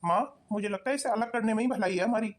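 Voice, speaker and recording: A woman's voice: medium pitch, fast talker, lightly acted. A woman voicing a stern young husband who sides with his mother in a cartoon. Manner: harsh, commanding. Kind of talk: cartoon voice acting.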